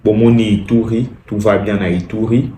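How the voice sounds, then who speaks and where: A man's voice: lowish voice, fairly even intonation, normal speed, warm tone, a little hiss or hum. Emphatic Congolese man in an echoey room. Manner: emphatic, repeats phrases, mixes languages. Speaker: commentator. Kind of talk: impassioned spoken commentary.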